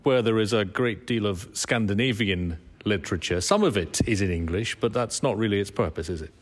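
A man with a fairly low voice hosts a walking-tour radio interview. He leads with brisk, chatty questions and remarks. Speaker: radio host.

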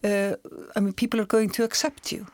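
A woman's voice: medium pitch, level tone, fairly quick, darkish tone, dry recording. A woman, an author and journalist, speaking thoughtfully in an interview and often repeating words as she searches for them. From Iceland. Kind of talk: conversational interview.

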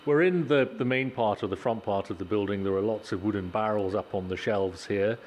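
Low-voiced male radio host on location. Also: a little mellow, slight background noise. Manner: friendly, measured questioning.

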